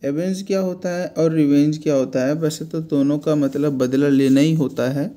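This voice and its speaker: A male teacher gives a vocabulary lesson. His voice sits a little high but sounds mellow and relaxed. He explains each word slowly and repeats it. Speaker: English teacher.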